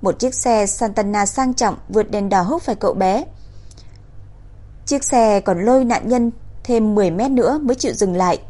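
A woman reading a crime novel aloud in an even, steady storytelling voice. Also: mid-range voice, moderate pace. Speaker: narrator. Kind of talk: audiobook narration.

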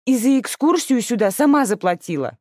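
A woman's voice: lively intonation, a little fast, a little mellow, no room sound, studio quality. A woman voicing a cheeky, petulant sixteen-year-old girl in an audiobook. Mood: cheeky, whiny. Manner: petulant, shrill outbursts.

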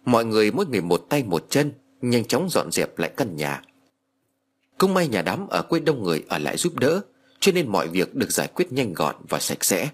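A man narrating a horror story as an audiobook reader, with an expressive, lively delivery and a husky voice. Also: fairly low pitch, fairly quick.

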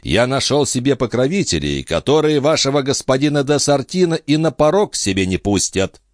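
A man's voice: mid-range voice, very animated, normal speed, dry recording, studio quality, voice pushed up, natural voice. A man voicing a proud young former servant who speaks with defiance. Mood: defiant. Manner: defiant, earnest.

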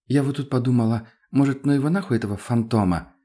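A man voicing a thoughtful, reasonable young woman who talks in an earnest, gentle way. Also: mid-range voice, fast talker, pitched above the performer's own voice, close to an everyday voice.

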